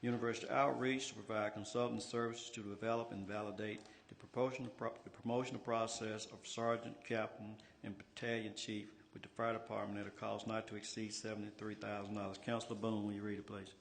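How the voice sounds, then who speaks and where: A man's voice: on the low side, level tone, fast, vocal fry, hardly any pauses. A man presiding over a council meeting as its president, running formal procedure. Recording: noisy meeting room ambience.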